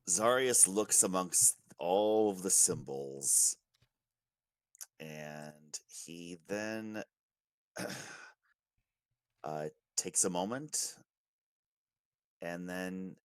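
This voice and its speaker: A man playing a tabletop game, talking in a hesitant, relaxed way with fillers while he decides his character's moves. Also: deep voice, smooth, dry recording. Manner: slow, hesitant, with fillers and laughs. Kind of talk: casual play chat.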